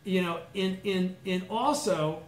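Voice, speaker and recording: A middle-aged man from Southern California tells a long personal story in a slightly high voice. He leans into it and acts out his own past words, sometimes chanting or shouting. The room is echoey, with faint noise behind him. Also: a little slow. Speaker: study group member telling a personal story. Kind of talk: casual storytelling to a small group.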